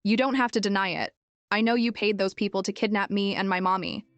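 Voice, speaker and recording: A woman's voice: mid-range voice, steady tone, fairly quick, no echo, soft background music, natural voice. A woman voicing a cold, calculating five-year-old boy who talks with cool, clipped mockery.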